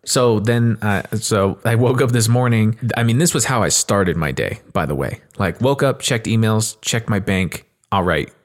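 A man's voice: lowish voice, moderate pace, few pauses. A man hosting a podcast, telling stories in a casual, informal and sweary way. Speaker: podcast host. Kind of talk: casual conversational storytelling.

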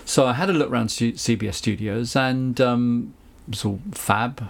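A gravelly, mid-range male voice at a moderate pace belongs to a chatty man from Southern England, a recording engineer and producer appearing as a guest. He tells stories in a relaxed interview, full of anecdotes, frequent asides, and laughter.

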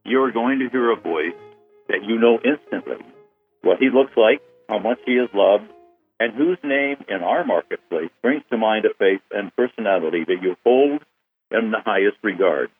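Husky male host on a phone line. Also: lowish voice, expressive, moderate pace, soft background music. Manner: effusive, praising the guest. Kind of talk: phone interview.

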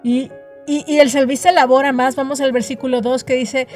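A woman's voice: high-pitched, level tone, a little fast, darkish tone, faint music behind. A middle-aged woman preaching a devotional sermon, earnest and emphatic, often repeating words as she builds a point.

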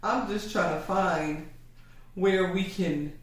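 A woman's voice: on the low side, slow. A woman co-hosting a podcast, chatting playfully with her husband and laughing often. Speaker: podcast co-host. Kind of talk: casual couple's chat. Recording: echoey room, mic at a distance.

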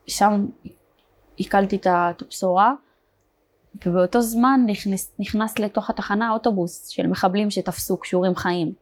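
A young woman from Israel, a border police fighter, telling her story in an interview, halting, with many fillers and restarts. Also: medium pitch, darkish tone. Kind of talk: personal testimony in an interview.

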